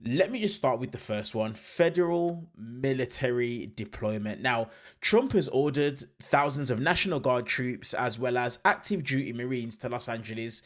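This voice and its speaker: A man hosting a commentary channel, explaining political context casually and stressing his points. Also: mid-range voice.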